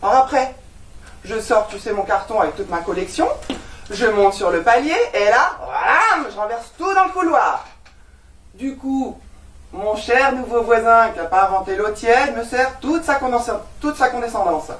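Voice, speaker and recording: This is stage comedy acting: a woman plays an exasperated new tenant, a young woman who is sharp-tongued, ironic, and sarcastic. Her fairly high, fairly bright voice is expressive and moderately paced, recorded from a distance with echoey stage sound.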